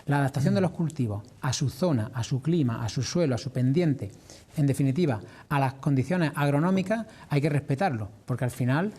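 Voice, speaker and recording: Andalusian guy, mellow voice, being interviewed, explains things in a measured way. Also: medium pitch, expressive, breathy edge. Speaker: farmers' organisation representative being interviewed. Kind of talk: formal broadcast interview answers.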